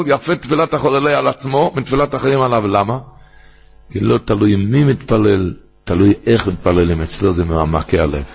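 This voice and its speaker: Gravelly rabbi preaching with rising emphasis. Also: male voice, medium pitch. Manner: rising to loud emphatic peaks, chanting quoted verses. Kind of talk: Torah sermon.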